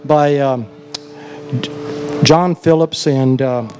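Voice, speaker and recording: A man's voice: medium pitch, steady tone, takes it slowly. A male country singer chatting with the crowd between songs on an outdoor festival stage, telling a story in a rambling, easygoing way into a stage mic. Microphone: stage vocal mic. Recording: live stage sound with loud band. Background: loud live band music.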